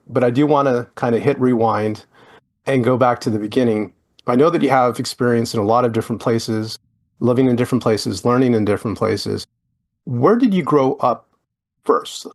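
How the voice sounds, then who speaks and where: A man hosting a podcast interview, rambling and friendly as he asks his questions. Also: mid-range voice. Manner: rambling, many fillers and restarts, friendly. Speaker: podcast host. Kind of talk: casual interview chat.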